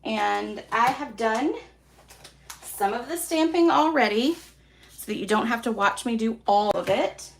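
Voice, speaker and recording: A woman with a Southern accent hosting a live card-making class, chatty and relaxed, poking fun at herself. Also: fairly high pitch, a little slow, gravelly, slight background noise. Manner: chatty, relaxed, self-deprecating. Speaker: craft class host.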